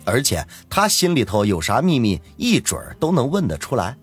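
A man's voice: medium pitch, wildly swooping pitch, moderate pace, slightly rough, faint music behind. A man narrating a serialized web novel in a dramatic storytelling manner. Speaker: audiobook narrator.

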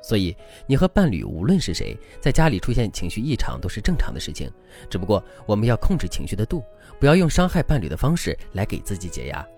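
A man hosting a relationship advice podcast, telling a story in an animated, dramatic way, with faint music behind. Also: fairly low pitch, quick pace.

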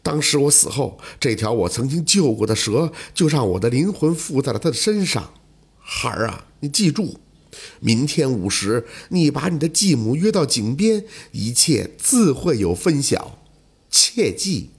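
A man voicing the spirit of a murdered mother living in a great snake, speaking softly and solemnly to her son. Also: mid-range voice, big pitch swings, measured pace, vocal fry, slightly rough, heavily acted. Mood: tender, solemn.

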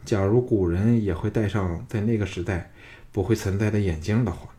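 A male reader voicing a wry, self-mocking rough-mannered young man in a storybook reading. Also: lowish voice, moderate pace, warm tone, natural voice.

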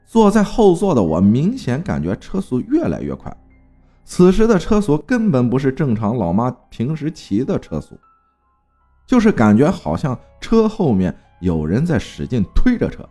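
A man narrating a spooky folk tale in a lively, dramatic way. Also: normal speed, faint music behind. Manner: lively, dramatic telling with big swings of pitch. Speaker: storyteller.

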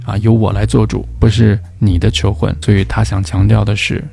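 A man teaching English pronunciation, patiently explaining each point step by step and sounding words out slowly. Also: lowish voice, little pitch movement, gravelly, mellow, soft background music. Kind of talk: explanatory lesson.

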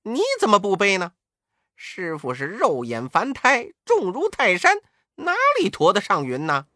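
A woman's voice: mid-range voice, big pitch swings, fairly bright tone, no echo, studio quality. Sun Wukong, a woman doing a cheeky monkey king. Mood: teasing. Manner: chuckling, quick and teasing. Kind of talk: storybook character voice.

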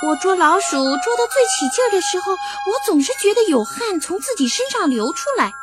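A whiny spotted cat from a children's storybook, complaining in a high, tearful voice, as a woman puts it on. Her pitch leaps and dips constantly, with music playing behind. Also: sing-song, fairly quick. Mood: puzzled. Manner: high, whimpering, near tears.

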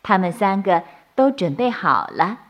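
A woman narrating a bedtime story for children, gentle and sing-song. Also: medium pitch, sing-song, a little slow.

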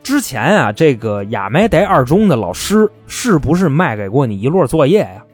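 A man's voice: medium pitch, sing-song, moderate pace, a little mellow, slightly rough, soft background music. A man voicing a brusque male police officer, bossy and blunt. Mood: impatient.

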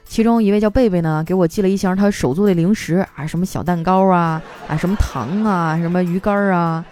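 A woman's voice: fairly low pitch, brisk, a little mellow, no room sound. A woman radio host reading out listener jokes in a playful, chatty way. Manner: playful, chatty, mimics voices for quoted people. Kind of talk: casual comic storytelling.

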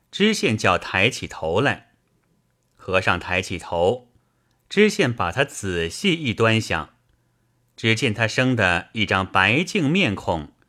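A man narrating a classic novel aloud at an unhurried pace. His voice is low-pitched yet bright and forceful. His intonation rises and falls in a lively way. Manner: slow, expressive reading. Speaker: storyteller.

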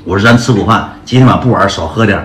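A man's voice: on the low side, very fast, fairly bright tone, a little hiss or hum. A man casually tells a rambling personal story, full of slang and calling his listeners brothers. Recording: echoey room with guitar music.

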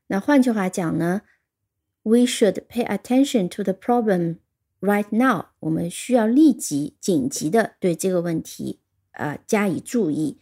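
A woman teaching English vocabulary in a recorded lesson, slowing down to spell out and repeat English words and example sentences. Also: medium pitch, animated, dark tone.

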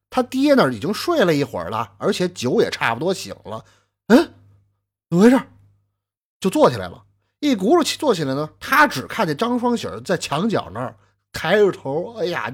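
A man telling a traditional story with lively asides to the listener. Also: on the high side, slightly rough.

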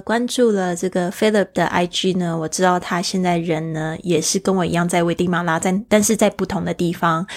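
A woman's voice: on the low side, creaky. A woman hosting a language lesson, patiently explaining English words and spelling them out letter by letter. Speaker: English teacher and podcast host. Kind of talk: bilingual vocabulary lesson.

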